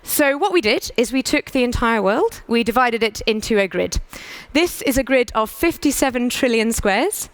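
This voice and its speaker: A British woman giving a conference talk, brisk and persuasive, asking the audience rhetorical questions. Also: on the high side, expressive, no echo. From United Kingdom. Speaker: conference speaker.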